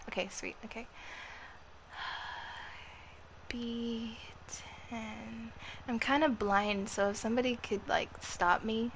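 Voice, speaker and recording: Woman, 20s, live streamer: kid-like higher voice, unhurried, profane casual chat with chat. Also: a little hiss or hum. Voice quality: youthful, girlish-sounding voice. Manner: swears freely and chats with viewers. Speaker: livestreamer.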